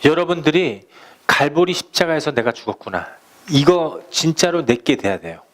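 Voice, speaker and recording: A man's voice: fairly high pitch, expressive, moderate pace. A male pastor preaching a sermon, asking the congregation rhetorical questions and acting out quoted speech.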